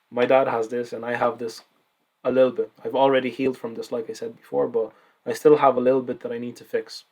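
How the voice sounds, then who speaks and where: A man's voice: medium pitch, level tone, brisk, a little mellow. A man presenting a self-help video in a casual, informal way, often repeating words and swearing now and then. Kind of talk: casual explainer talk.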